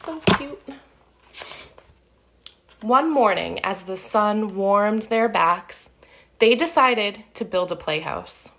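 A woman in her thirties reads a picture book aloud to young children in her living room, animated, slow and deliberate, with sing-song delivery and friendly asides. Her voice is medium-pitched, and the audio is poor, picked up by a phone or webcam at arm's length.

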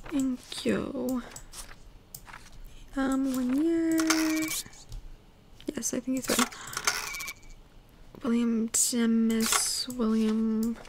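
A woman's voice: fairly high pitch, background noise. A woman giving casual gameplay commentary, chatty and apologetic, thinking aloud with little giggles. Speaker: gamer. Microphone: desktop USB microphone.

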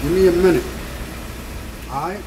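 A man's voice: sits high, normal speed, close to an everyday voice. A man playing a furious street boss. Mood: laid-back. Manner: profane, scolding, repeats himself. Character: hot-tempered male street crew boss. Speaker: actor. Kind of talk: low-budget street drama acting. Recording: distant mic with street noise.

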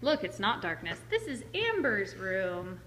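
Her pitch swoops wildly around a mid-range voice as this thirty-something woman vlogs a casual, playful tour of her empty new house on a handheld phone held at arm's length. She keeps a measured pace and a slightly bright tone. Soft music plays behind her, and the big empty room echoes.

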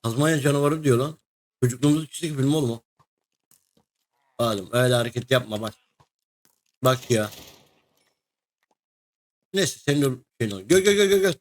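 A young man narrates his gameplay in a loose, chatty way. He is excitable and keeps calling out to the creatures he fights and to his co-player, in a mid-range voice. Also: mid-range voice, moderate pace, pauses often. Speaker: gaming video host. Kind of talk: casual let's-play commentary.

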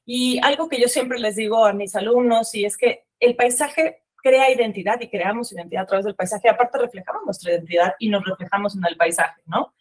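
A landscape architect in her forties from Mexico City gives a webinar over a video call, speaking through a webcam from a room lined with bookshelves. Her Mexican Spanish accent colors a somewhat high voice, and her delivery is conversational, full of fillers and restarts.

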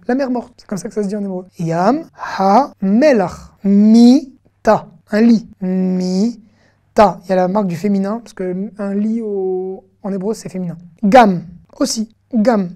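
A woman giving an online lesson, patient and repetitive, saying words slowly and checking in with her students often. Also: mid-range voice, mellow. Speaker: Hebrew teacher.

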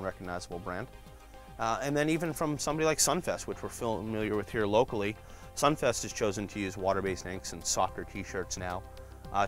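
A man giving a casual tour of a print shop's department, explaining products with frequent fillers. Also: fairly low pitch. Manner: relaxed, frequent "uh" fillers, explains while flipping through shirts. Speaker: print shop department guide. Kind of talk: casual walkthrough showing products.

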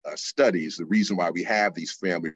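An older man from California, a teacher answering interview questions in a measured, explanatory way with frequent fillers. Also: deep voice. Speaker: guest teacher.

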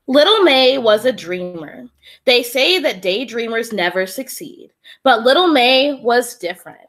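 A young woman reading a children's storybook aloud like a teacher, in an expressive, deliberate storytelling manner. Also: a little high. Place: small indoor room with classroom decorations. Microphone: webcam or laptop at arm's length.

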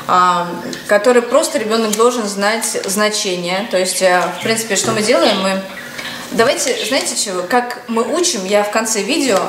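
A woman in her thirties with a Russian accent and a mid-range voice talks candidly as a tutor and parent, then reads English words one by one into a webcam at her desk, like a casual vlog-style lesson of word lists. She's in a small indoor room, and the audio is reverberant with a noisy background.

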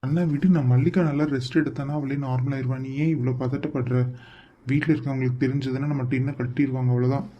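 A man voicing a calm younger brother in a cartoon who brushes off worries. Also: mid-range voice, fast, highs cut off, slight background noise, lightly acted. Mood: reassuring. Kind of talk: cartoon voice acting.

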